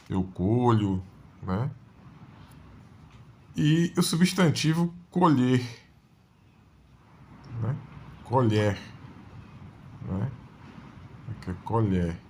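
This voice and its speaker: Slow-talking male grammar teacher. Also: lowish voice, darkish tone. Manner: explains slowly with frequent "né?" checks. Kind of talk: exam-prep grammar lesson.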